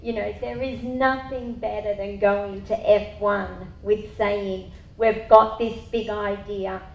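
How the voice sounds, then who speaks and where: A woman's voice: medium pitch, steady tone, takes it slowly, dull audio, a little hiss or hum. Thoughtful woman panelist in an echoey room. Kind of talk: panel discussion.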